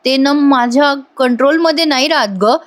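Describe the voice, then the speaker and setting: A woman voicing an apologetic older man who has been drinking, talking slowly and sheepishly. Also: sits high, voice pushed up, close to an everyday voice. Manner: slow, slurring and apologetic. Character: tipsy older man, apologetic father-in-law.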